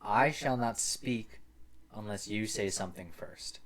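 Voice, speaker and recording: A man voicing a magic door in a tabletop game, with a booming voice, reciting riddles slowly and portentously. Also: a bit bright, a little hiss or hum. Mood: solemn, challenging.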